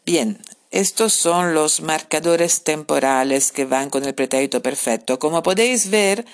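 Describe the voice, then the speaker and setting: A woman language teacher records a podcast lesson at her computer. She talks in a low, unhurried voice and repeats her points patiently. A gravelly rasp runs through her speech.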